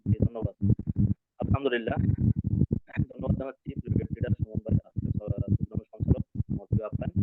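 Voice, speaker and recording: A man's voice: fairly low pitch, fairly even intonation, fast, pauses often, heavy background noise. A man from Bangladesh speaking as a guest on an online business meeting, his audio breaking up over the call as he politely thanks people and checks he can be heard. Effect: choppy video-call audio breaking up. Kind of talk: motivational talk. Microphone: video call. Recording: tinny dry video-call line.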